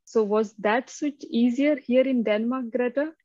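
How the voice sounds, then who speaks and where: A woman's voice: on the high side, a little slow, darkish tone, dry recording. A woman hosting an interview on her own channel, talking in a chatty way with many fillers. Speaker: host. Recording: slightly muffled, dry sound.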